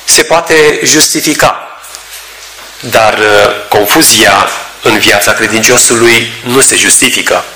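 A man preaching a sermon, reading scripture and explaining it with measured, emphatic delivery and drawn-out words. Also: lowish voice, pushed and bright, slight background noise. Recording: echoey room.

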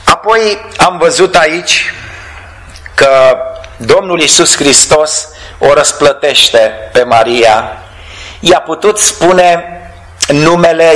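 A man preaches with fervor, his voice pitched high. The tone is bright and forceful. He lifts his lines into exclamations and slows right down on the words he wants to land. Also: low-quality recording. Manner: fervent, exclamatory, stretches key words slowly. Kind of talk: sermon.

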